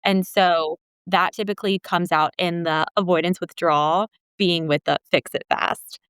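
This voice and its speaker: A young woman co-hosting a relationship podcast, drawing on her counseling work. Her voice is smooth and clean, recorded close and dry, and she keeps a quick, animated conversational flow. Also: fairly low pitch, no room sound. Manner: animated, fills speech with "like". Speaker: podcast co-host and couples counselor. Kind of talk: casual podcast chat.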